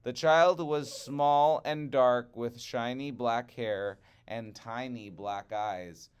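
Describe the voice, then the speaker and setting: Guy reading a kids picture book out loud, really unhurried, smooth clear voice, dramatic emphasis. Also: medium pitch. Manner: deliberate, expressive, with dramatic emphasis. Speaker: storyteller reading to children. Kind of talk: picture-book read-aloud.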